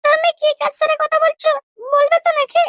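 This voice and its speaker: A squeaky cartoon girlfriend. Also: little pitch movement, noisy background. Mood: firm. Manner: indignant, quick to take offense. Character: squeaky young woman, prim and touchy girlfriend. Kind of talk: cartoon comedy dubbing.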